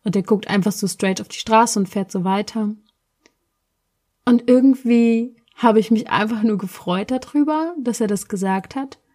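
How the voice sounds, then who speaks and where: A woman's voice: on the high side, moderate pace, a little mellow. A woman from Berlin casually telling a personal story in a reflective way, often searching for words. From Berlin, Germany.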